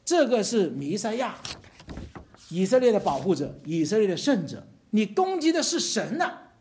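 A pastor preaching a sermon in an animated way, chuckling between phrases and asking the congregation rhetorical questions. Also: medium pitch, moderate pace, a little hiss or hum.

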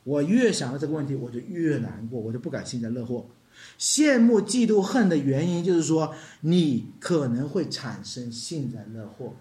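Animated preacher, voice swings up and down a lot, sermon in a roomy echoey hall, throws in english words. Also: mid-range voice, moderate pace. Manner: asks the congregation questions.

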